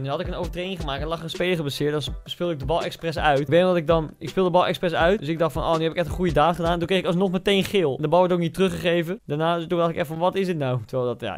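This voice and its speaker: A young Dutch man giving casual, excitable commentary while playing a football video game, swinging between muttering and shouting at the screen. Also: high-pitched. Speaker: gaming streamer.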